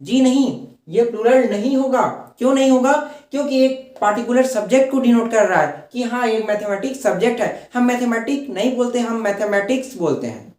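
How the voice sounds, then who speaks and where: A man's voice: very high-pitched, fairly quick, a little mellow, reverberant. A male teacher explaining a grammar lesson. He repeats each point and asks questions that he then answers himself.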